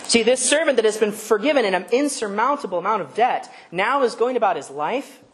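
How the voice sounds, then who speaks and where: A woman's voice: a little high, lively intonation, fairly quick. A woman preaching a sermon in a conversational way, asking rhetorical questions and stopping to correct herself.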